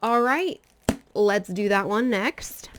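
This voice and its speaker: A woman with a mid-range voice talks through her reading list in a relaxed, chatty way. She rambles a little and leans on fillers as she goes. It sounds like an easygoing book vlog. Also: medium pitch, takes it slowly. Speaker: book vlogger. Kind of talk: casual book chat.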